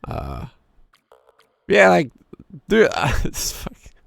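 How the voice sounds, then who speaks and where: A man in his thirties streams a game and reads its story text aloud, dropping into a deeper storyteller voice. His throat sounds sore and hoarse with a gravelly edge, and he speaks slowly with a lively, swinging pitch. The sound is close and dry, with no echo.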